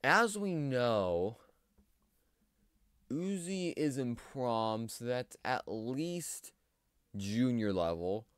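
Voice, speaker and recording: A man's voice: mid-range voice, sing-song, very slow, pauses often, smooth, no echo. A man giving casual, rambling commentary on a cartoon series, hesitant and full of fillers. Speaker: video commentator.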